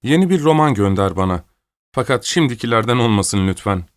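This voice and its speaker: A man's voice: fairly low pitch, expressive, a little fast, dry recording, studio quality, voice pushed up. A man reading an audiobook, voicing an old, imperious countess who scolds and gives orders. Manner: scolding, commanding, querulous.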